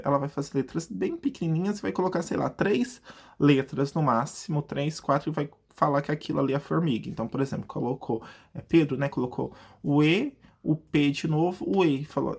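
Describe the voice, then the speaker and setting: A man with a Brazilian Portuguese accent who teaches a video lesson in a chatty way. He asks himself questions and then answers them, and he slowly stretches out words syllable by syllable to show how they split. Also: on the high side, gravelly, a little mellow, slightly rough.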